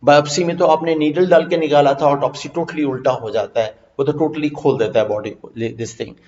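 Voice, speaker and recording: A man teaching vocabulary in an online lesson, mixing Hindi and English, reading English definitions slowly and then explaining them quickly. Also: fairly high pitch, steady tone, a little mellow, highs cut off.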